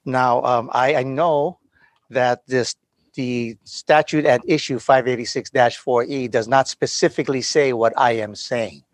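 Halting male attorney in a dry recording. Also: mid-range voice, steady tone, no echo. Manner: halting, choppy phrasing. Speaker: defense attorney arguing an appeal. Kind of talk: formal oral legal argument.

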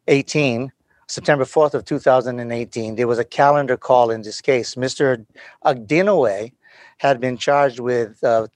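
Male appellate lawyer, medium pitch, dry sound. Formal argument delivered haltingly, in broken-up phrases. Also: darkish tone, no room sound. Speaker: defense attorney arguing an appeal. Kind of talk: formal oral legal argument.

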